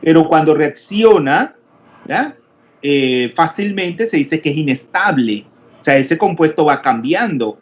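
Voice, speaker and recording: Male teacher in an online lecture, slightly high pitch, quizzes students, hesitant, muffled audio. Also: animated, a little slow. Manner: questioning, explanatory, many hesitations. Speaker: chemistry teacher. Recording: dull lo-fi audio with faint noise.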